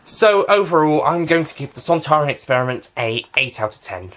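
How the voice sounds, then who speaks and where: A man's voice: a little high, animated, brisk, noisy background. A man giving a casual spoken review of a TV series, rambling and often restarting and correcting himself.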